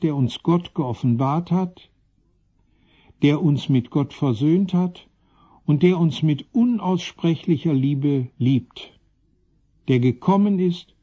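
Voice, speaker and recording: A man, a pastor, gives a sermon as an earnest, measured story, on a dull lo-fi recording. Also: fairly high pitch, breathy edge.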